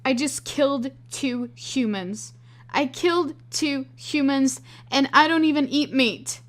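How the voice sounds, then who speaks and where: A woman reading aloud, voicing a frightened, squeamish young woman in urgent, near-shouting bursts. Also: sits high, measured pace, voice pushed up. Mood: panicked.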